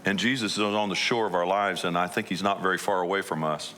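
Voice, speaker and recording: A man's voice: deep voice, steady tone, quick pace, sharp tone, slight background noise. A man preaching a conversational sermon as a pastor, asking his listeners many questions.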